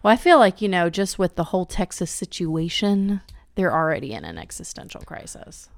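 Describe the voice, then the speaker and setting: A woman's voice: on the low side, sing-song, fairly quick, vocal fry, dry recording, studio quality. A woman hosting a sports podcast in casual chat, steering with short prompts and questions. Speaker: podcast host.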